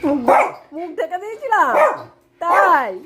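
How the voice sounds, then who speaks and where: High, sing-song woman cooing at dogs. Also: lively intonation, a little slow. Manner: cooing, sing-song talk to pets, mixed with running commentary. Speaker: vlogger filming her pet dogs. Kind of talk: casual commentary and baby talk to dogs. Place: at home, indoors. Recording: loud background noise and barking dogs.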